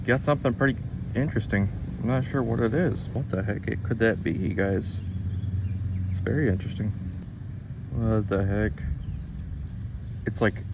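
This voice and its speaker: This man's voice runs on the low side and sounds creaky as he chats to viewers about what his metal detector turns up, exclaiming in wonder. He's recording outdoors in a torn-out street, and ambient noise comes through clearly.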